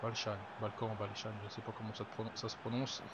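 A young man from France giving live commentary on his own football video game match, excitable, swearing and talking to himself. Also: lowish voice, fast talker. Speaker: gaming video creator. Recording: dull lo-fi with noise.

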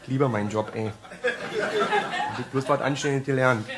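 A man's voice: mid-range voice, steady tone, moderate pace. A man doing stand-up comedy, brash and mock-grumpy as he banters with the audience. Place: theater stage before audience. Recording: live stage with audience laughter and noise.

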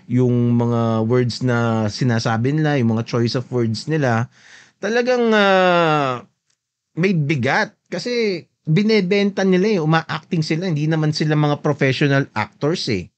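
A man whose voice sits a bit high is heard on a muffled recording. As host of a podcast, he casually talks over a video he's playing, mixing Tagalog and English and regularly seeking his audience's agreement through a questioning tag.

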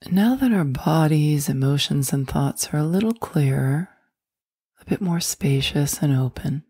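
Low slow woman doing a guided meditation, breathy whispery voice, mellow, dry sound. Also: animated, no room sound. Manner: soft, slow, soothing, often whispered.

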